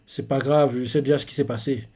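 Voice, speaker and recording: A man's voice: mid-range voice, fast talker, natural voice. A man reading as an emotional young woman. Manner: read flatly from manga panels, then a sudden loud wail. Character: young female scientist clone, emotional.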